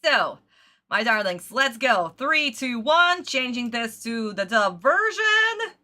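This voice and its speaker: Reacting to anime on stream, a woman chats in an effusive, theatrical way, full of terms of endearment. Her voice is a little high and slow, with big pitch swings and a pushed, bright tone.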